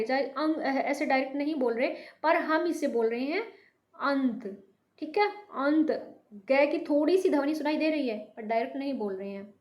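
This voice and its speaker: A woman with a high voice leads a Hindi class at a slow, careful pace. She repeats each sample word and drags it out, dropping English words in as she goes. Her voice echoes around the room. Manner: slow, repetitive, drawn-out pronunciation of sample words. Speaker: Hindi teacher. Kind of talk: online language lesson.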